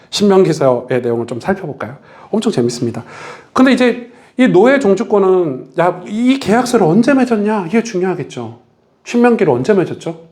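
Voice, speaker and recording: A man leads a Bible study as pastor, talking to his church listeners. His voice sits a little high and moves through a wide, lively range. He keeps turning to his listeners with questions. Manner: animated, asks the audience questions.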